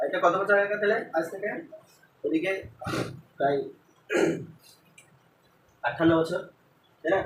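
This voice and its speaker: A man's voice: sits high, measured pace, long pauses, a bit bright, recorded from a distance, slight background noise. Male tutor in an echoey classroom. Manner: explains line by line, quizzes the class. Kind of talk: classroom English lesson. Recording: roomy classroom taped from afar.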